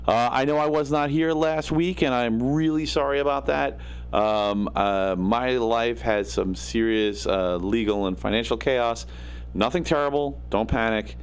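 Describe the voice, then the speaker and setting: A home-studio host chats loosely on a livestream, his mid-range voice gravelly, raspy and slightly nasal. He wanders off on tangents, leaning on fillers and poking fun at himself. A studio microphone captures him along with a faint hum in the electronics.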